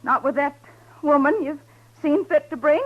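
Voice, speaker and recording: An actress playing a prim, indignant respectable wife in a 1950s radio drama, scolding in a haughty tone. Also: female voice, high voice, normal speed, natural voice. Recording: dull 1950s radio broadcast.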